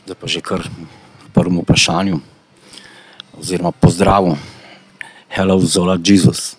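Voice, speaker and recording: A low-pitched, husky man with little pitch movement interviews a radio guest. He introduces things in his native Slovenian, then asks his questions haltingly in English as a second language. There is no room sound.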